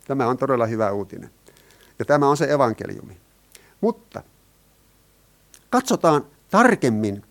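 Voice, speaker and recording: A man preaching a sermon. He talks in an earnest way, asks his listeners questions and explains Greek words. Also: medium pitch.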